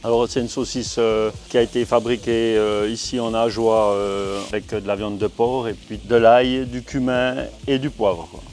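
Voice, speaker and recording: A man with a low voice and fairly even intonation explains his craft casually as a butcher. There is soft music in the background. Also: normal speed, few pauses. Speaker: butcher, interview guest. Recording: music behind the voice.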